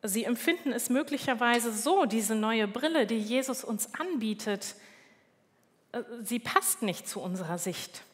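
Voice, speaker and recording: A woman preaches a sermon at an unhurried pace, calm and measured, stopping now and then to correct herself. Her voice rings out with the long reverb of a large church hall. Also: fairly high pitch. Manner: calm, measured, with small slips and self-corrections.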